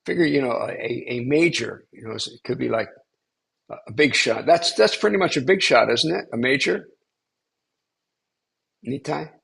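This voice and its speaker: A man's voice: medium pitch, animated, normal speed, vocal fry, long pauses, a bit bright, husky. An older man, a spiritual teacher, tells a story to a small class in a rambling way, with many restarts and fillers.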